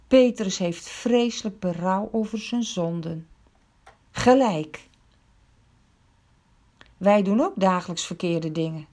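Woman telling kids a bible story, slow and super expressive. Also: medium pitch. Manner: expressive, questioning, dramatic. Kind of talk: storytelling for children.

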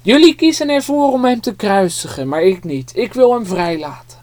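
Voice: mid-range voice, animated, moderate pace, darkish tone, dry recording, pitched above the performer's own voice, lightly acted. A storyteller voicing an uneasy governor who insists he is innocent, in a children's Bible story. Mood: defensive.

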